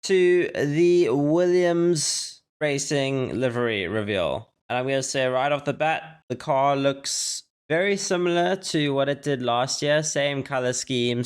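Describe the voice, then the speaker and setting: A chatty man in his late twenties gives casual reaction commentary as the host of his own channel. His talk rambles loosely, full of "like" fillers and quick corrections. His voice sits at an ordinary middle pitch. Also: fairly bright tone. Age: late 20s.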